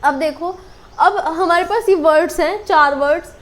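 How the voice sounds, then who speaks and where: A woman with a high voice gives a casual spoken English lesson to camera. She explains patiently, repeating each word, and fills pauses with soft hesitations. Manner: explains slowly, repeats words with many fillers. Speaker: English teacher. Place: small room with a board. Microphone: camera on a tripod.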